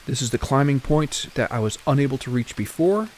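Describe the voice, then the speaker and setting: A man's voice: mid-range voice, animated, brisk, darkish tone, a little hiss or hum. A man casually commenting on his survival game play for viewers, chatty and often correcting himself. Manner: chatty, self-correcting, talks to viewers while playing. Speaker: gaming channel host.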